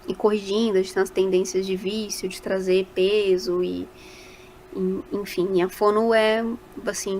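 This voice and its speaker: Speaking in a mid-range voice with a little hiss or hum in the background, a Brazilian voice actor chats casually as a guest on a podcast. She tells lively stories and performs small quoted lines.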